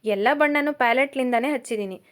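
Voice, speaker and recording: A woman's voice: high voice, quick pace, lightly acted. Woman reading a cheerful male painter. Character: male painter, friendly and proud of his work.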